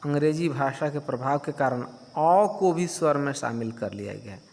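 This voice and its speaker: A male teacher with a medium-pitched, gravelly, somewhat dark voice gives children a grammar lesson, patiently posing questions and then answering them himself. He explains slowly and patiently. The recording carries a long hall reverb.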